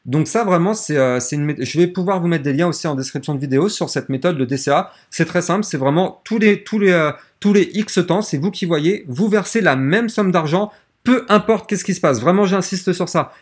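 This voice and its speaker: Chatty man explaining charts, slightly high voice. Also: a little fast, husky. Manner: chatty, explains step by step, stumbles and restarts often. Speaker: crypto tutorial host. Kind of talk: casual screen-share tutorial.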